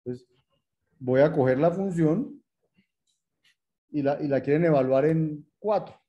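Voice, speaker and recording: A man with a fairly high voice lectures on programming at a measured pace, typing code live and thinking aloud. He is patient and repetitive, formal toward students, and checks in with rhetorical questions; the audio sounds dull.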